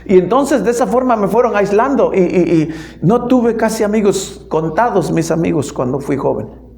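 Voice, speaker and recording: A man's voice: sits high, animated, moderate pace. Man preaching in an echoey hall. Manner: storytelling, emphatic, shifting loud and soft. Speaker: lay pastor. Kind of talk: sermon.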